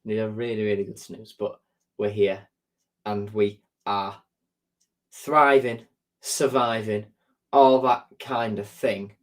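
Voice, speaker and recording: Slow and pausing often, a man with a lowish, level voice answers comments he reads aloud from viewers during his live stream. He sounds stuffed up with a sore throat and blocked nose, rambling along with ums and repeated words.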